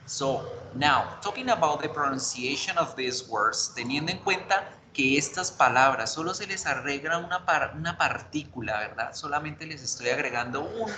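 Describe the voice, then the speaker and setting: A man's voice: a little high, animated, normal speed, hardly any pauses, pushed and bright. A man teaching an online English class, explaining grammar rules step by step, switching between Spanish and English and checking in with the class. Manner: spells out letters and asks the class for confirmation. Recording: roomy with background noise.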